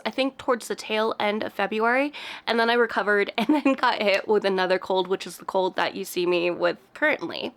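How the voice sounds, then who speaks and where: A young woman chatting casually about books she read, her voice a little off from a cold, rambling and laughing lightly. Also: fairly high pitch. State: has a cold, voice a bit off. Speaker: book vlogger. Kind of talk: casual book review chat.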